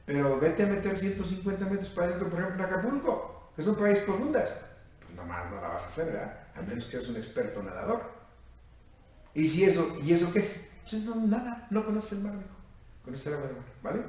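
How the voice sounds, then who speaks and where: Lively Mexican priest in his fifties, echoey and distant. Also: sits high, brisk. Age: 50s. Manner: lively, questioning the listeners and calling them "mijo". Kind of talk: sermon at a youth retreat. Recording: echoey room from far off, faint noise.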